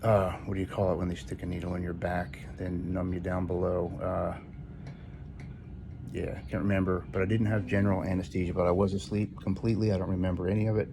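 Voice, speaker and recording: A man speaks in a deep voice with a heavy, gravelly fry. He records a casual patient's video diary in a plain, matter-of-fact way, pausing to hunt for words. Clear room noise runs behind him. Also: flat delivery. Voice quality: low, gravelly voice. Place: hospital room, indoors. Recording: noisy room ambience behind voice.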